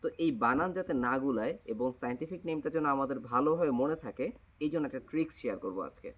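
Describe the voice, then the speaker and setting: Man, biology teacher, exam-prep lesson, talks to students directly, spells out letters slowly. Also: mid-range voice, lively intonation, muffled recording.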